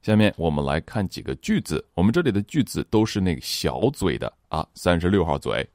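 A man's voice: deep voice, sing-song, brisk, darkish tone, no echo, clean studio sound. A man teaching English pronunciation. He runs repeat-after-me drills, switching between Mandarin explanation and English word models, with playful, vivid comparisons.

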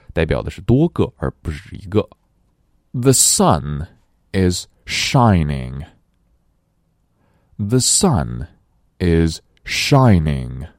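A man whose first language is Chinese, teaching English pronunciation and reading each word slowly twice for his students to repeat. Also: deep voice, mellow, no echo, clean studio sound. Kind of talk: language lesson, reading words slowly for repetition.

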